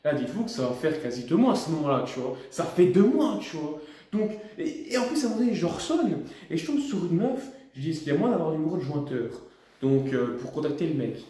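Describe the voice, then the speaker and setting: A young man from Belgium telling a comic storytime, ranting in an animated, slangy, exasperated way. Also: a little high, fast talker. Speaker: vlogger. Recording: very echoey room.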